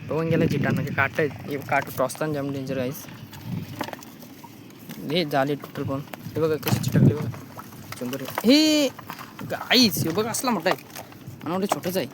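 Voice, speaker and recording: A man's voice: on the high side, moderate pace, pauses often, very noisy. Chatty vlogger man checking crab nets outdoors. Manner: chatty, keeps pointing things out to viewers. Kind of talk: casual outdoor crab-catching vlog.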